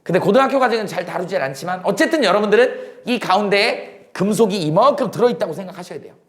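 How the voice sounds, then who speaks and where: A man teaching high school science in a casual lecture style, asking his students questions and answering them himself. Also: expressive, fast, reverberant. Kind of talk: classroom lecture.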